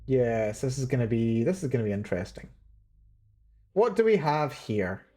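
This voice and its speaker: A man's voice: medium pitch, big pitch swings, moderate pace, warm tone. A man streaming a video game from his seat indoors, chatting casually and musing aloud on tangents as he plays. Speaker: let's play streamer. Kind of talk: live gameplay commentary.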